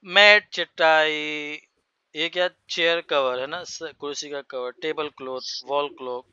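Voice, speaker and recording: A man teaching a spoken English class for Hindi speakers, explaining words slowly and spelling them out. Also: on the high side, pushed and bright, clear, resonant tone, no room sound, dull audio.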